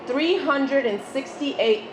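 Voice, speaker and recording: A woman's voice: high-pitched, slow. A woman worker giving an emphatic, declarative protest speech at a rally. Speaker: striking fast-food worker. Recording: echoey, noisy rally PA.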